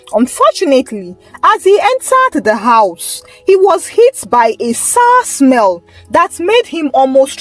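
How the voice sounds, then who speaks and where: A woman telling a folktale in scripted narration, with a steady, measured reading. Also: high-pitched, rough recording. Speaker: storyteller.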